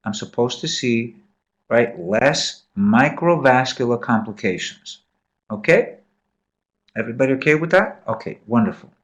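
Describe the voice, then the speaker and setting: A man's voice: mid-range voice, expressive, normal speed. A man giving a live medical lecture in a classroom, quizzing students and repeating key points. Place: lecture room.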